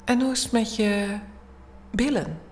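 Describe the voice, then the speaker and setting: A woman leading a guided bedtime meditation in a soothing, hushed, often near-whispered voice with long pauses. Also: fairly high pitch, a little hiss or hum. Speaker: guided relaxation instructor.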